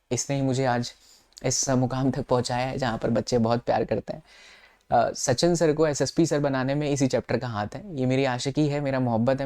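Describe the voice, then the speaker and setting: A man's voice: medium pitch, mellow. A young man teaching physics exam revision, mixing terms and formulas into casual Hindi and coaxing his students along.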